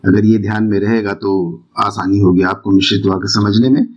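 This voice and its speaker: A man teaching a grammar lesson, explaining slowly, repeating key terms and asking his students questions. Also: fairly low pitch, fairly even intonation, muffled recording.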